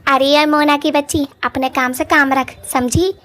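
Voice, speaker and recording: A woman playing a harsh, shouting sister-in-law. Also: high-pitched, expressive, moderate pace. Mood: contemptuous. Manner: shouting, threatening, contemptuous.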